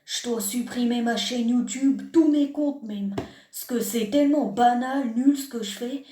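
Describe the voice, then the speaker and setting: A woman's voice: fairly high pitch, fairly even intonation, a little slow, warm tone. Sarcastic young woman in an echoey room. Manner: mock self-deprecating sarcasm, reads comment aloud. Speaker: YouTuber reacting to a comment. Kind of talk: sarcastic reaction vlog.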